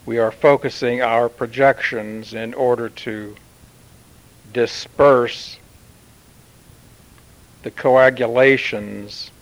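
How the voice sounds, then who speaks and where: A man channeling a solemn male Martian commander who addresses Earth in formal, measured pronouncements with long pauses. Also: mid-range voice, fairly even intonation, rough recording. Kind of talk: channeled spiritual message.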